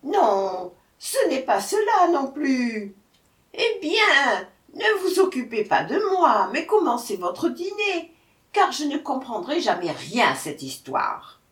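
A woman's voice: sing-song, fairly bright tone, full character voice. A woman putting on a whiny, sly jackal. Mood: whiny feigned confusion. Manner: whiny, drawn-out, high and fretful. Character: sly male jackal feigning silly confusion. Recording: echoey room, voice from far off.

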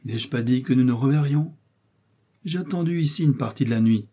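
A man's voice: medium pitch, fairly quick, dark tone, lightly acted. A man voicing a sinister, mocking man in a red coat, speaking with cold scorn in an audiobook reading.

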